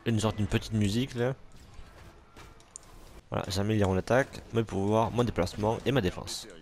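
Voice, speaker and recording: A man's voice: fairly low pitch, normal speed, a little mellow. A man casually commentating a superhero video game, joking, swearing and talking back to enemies on screen. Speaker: gamer commentating gameplay. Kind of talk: let's play commentary.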